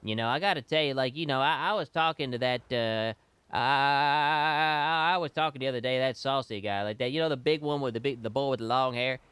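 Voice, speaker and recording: A man's voice: medium pitch, fairly quick, a bit bright, clear, resonant tone, no echo, natural voice. A sick man putting on the voice of a rambling, folksy, gossipy man who keeps repeating himself. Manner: rambling, repeats himself, stumbles over words. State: sick, stuffy.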